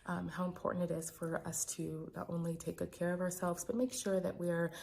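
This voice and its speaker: An American woman in her thirties speaking quietly but clearly in a hesitant, reflective personal video diary as a physician vlogger. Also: fairly low pitch, little pitch movement, brisk.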